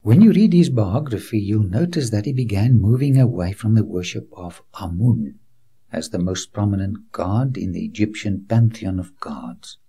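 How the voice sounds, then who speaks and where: A man's voice: lowish voice, animated, moderate pace, dark tone, husky. A man presenting a documentary in scripted narration, breaking off to preach and speaking straight to the viewer as a friend, earnest and reassuring. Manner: guides the viewer like a tour guide on location.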